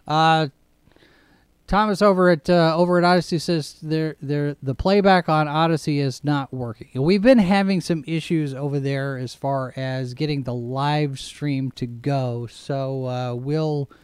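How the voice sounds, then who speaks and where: A man hosting a live show, chatting casually through the news in a halting, digressive way. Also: on the high side, clean tone, dry recording. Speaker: host and editor of a live show.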